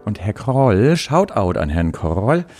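A man's voice: on the low side, sing-song, takes it slowly, darkish tone, faint music behind. A man co-hosting a comedic podcast, telling stories in a playful way and laughing often. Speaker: podcast co-host. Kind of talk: casual comedic chat.

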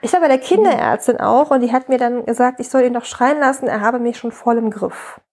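Thirties woman, interview guest, high-ish voice, open and rambling, lots of restarts and tag questions. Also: fairly quick, a little mellow. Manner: candid, frequent "ne?" tags, many restarts. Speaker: guest, mother of a colicky baby. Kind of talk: casual interview conversation.

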